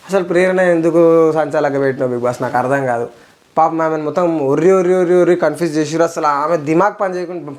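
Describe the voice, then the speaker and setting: Young telangana guy ranting through a show review, rapid talk, keeps repeating himself when he gets worked up. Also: a little high. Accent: Telangana Telugu. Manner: fired-up and indignant, repeats phrases for emphasis. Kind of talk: casual rant-style episode review.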